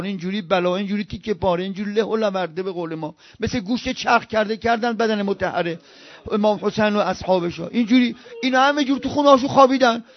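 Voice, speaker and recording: A man preaching an impassioned sermon. He swings from loud outbursts to hushed murmurs and chants scripture in a slow recitation. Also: high voice, no room sound, muffled recording.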